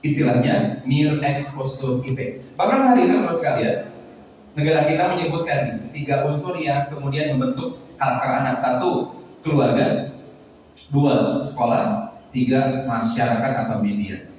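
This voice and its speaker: A man with a Sundanese accent giving a lively seminar talk to parents on a handheld microphone. He jokes and keeps quizzing the audience. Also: medium pitch, moderate pace, recorded from a distance, slight background noise. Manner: jokey, quizzes the audience, slips into Sundanese phrases. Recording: echoey hall, voice picked up from afar.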